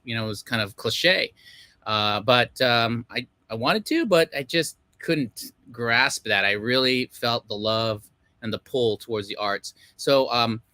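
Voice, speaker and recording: In a casual interview over a video call, a middle-aged Los Angeles film director rambles along, full of fillers and self-deprecating laughter. He's from Los Angeles, United States, and has a lowish voice with a bright, forceful tone. There's no room sound.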